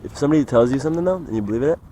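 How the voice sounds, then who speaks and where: A man's voice: medium pitch, animated, racing, mellow, a little hiss or hum, rough recording. A young man talking in a rambling, meandering way, full of "like" and "you know", in a casual monologue. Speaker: vlogger.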